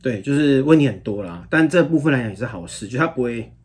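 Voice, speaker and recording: A man, a father co-hosting a casual parenting podcast and telling stories with lively dialogue. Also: medium pitch, quick pace, husky. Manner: animated storytelling, acts out dialogue.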